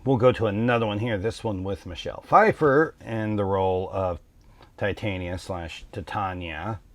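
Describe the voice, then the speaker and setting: A man hosting a tabletop game channel, talking through a topic in a relaxed, thoughtful way with frequent ums and uhs. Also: on the low side, moderate pace, noisy background. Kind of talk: casual explainer talk.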